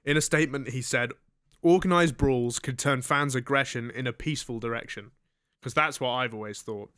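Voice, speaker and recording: A young man co-hosts a comedic studio podcast, reading out odd news stories and undercutting them with sarcastic jokes. His voice is bright and crisp, and it sits close and dry on the mic. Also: mid-range voice, moderate pace, no room sound. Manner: joking, reads news items with sarcastic asides. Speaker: co-host. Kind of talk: comedic radio-style podcast banter. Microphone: studio microphone.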